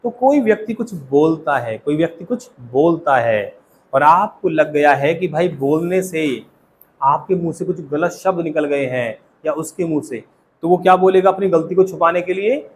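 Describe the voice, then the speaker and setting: A man with an Indian accent teaching English to a class. He says model phrases slowly and keeps asking the students questions. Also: on the high side, expressive, a little hiss or hum. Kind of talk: classroom lesson.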